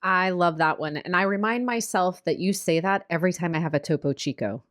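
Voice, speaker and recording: A woman co-hosting a casual diet podcast, upbeat and quick to laugh. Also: on the low side. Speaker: podcast co-host, diet coach.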